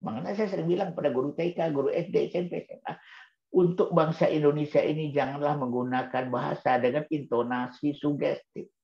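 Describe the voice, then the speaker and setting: A man's voice: a little high, fairly even intonation, fairly quick, creaky, a little mellow. A man giving an Islamic parenting talk to parents, asking rhetorical questions and answering them himself, and repeating key words for emphasis. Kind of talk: book-review talk to parents. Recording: roomy dull-sounding recording.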